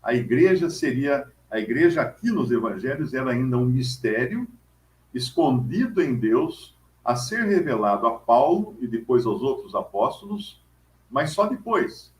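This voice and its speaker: A man's voice: medium pitch, big pitch swings, measured pace. A man teaching a Bible reflection in a conversational, storytelling way, often checking in with the listener. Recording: roomy echo.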